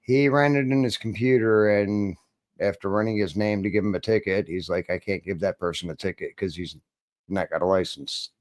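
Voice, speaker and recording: A man's voice: lowish voice, moderate pace. A man hosting his channel, giving casual, joking commentary on viewer-sent videos in an offhand, chatty way. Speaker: channel host reacting to videos.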